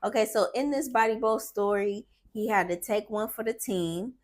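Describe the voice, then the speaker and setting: A woman's voice: medium pitch, normal speed. A woman hosts a casual podcast chat in her ordinary voice. She teases her guest and laughs easily as she moves between stories. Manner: giggly, teasing. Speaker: podcast host.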